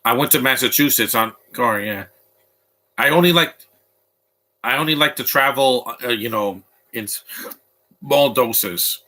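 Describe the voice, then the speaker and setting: This man delivers bright, forceful, stop-start commentary on a film he's watching at home. At a measured pace and medium pitch, he pauses often, rambles casually and repeatedly restarts his sentences.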